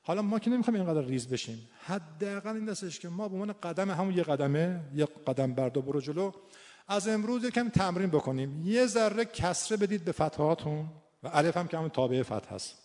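A man's voice: sits high, lively intonation, darkish tone. A man from Iran giving an informal recitation lesson, thinking aloud and repeating key words for emphasis. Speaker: Quran recitation teacher. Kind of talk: informal teaching talk. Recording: long hall reverb.

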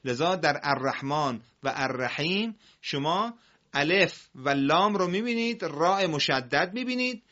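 A man teaching Quran reading on a broadcast, explaining patiently, asking students questions and drawing words out slowly. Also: on the high side, animated, pushed and bright, lo-fi sound.

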